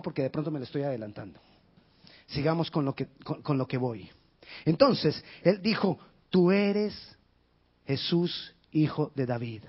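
A male pastor preaching a sermon with passion, rising to shouts and dropping to near whispers. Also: slightly rough. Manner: impassioned, shouting in bursts then dropping low. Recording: dull lo-fi sound.

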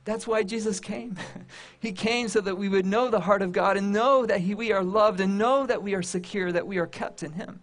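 High-voiced male preacher, emphatic and repetitive. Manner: emphatic, repetitive phrasing with dramatic pauses. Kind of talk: sermon to a congregation and online audience.

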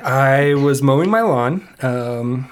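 A man's voice: medium pitch, expressive, slow. Self-mocking man in his thirties. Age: 30s. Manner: self-deprecating, jokey storyteller. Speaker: podcast co-host. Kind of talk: casual chat.

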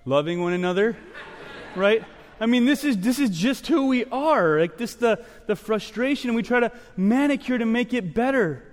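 A man's voice: extremely high pitch, moderate pace. Earnest preaching man in a reverberant church. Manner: earnest, builds to raised animated passages, many "right?" asides. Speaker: pastor. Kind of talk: sermon. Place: church sanctuary. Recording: long hall reverb.

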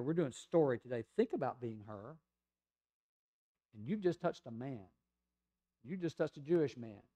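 A man preaching a sermon, telling a Bible story in an animated way, acting out quoted voices and laughing now and then. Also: medium pitch. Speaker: pastor. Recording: church sermon audio.

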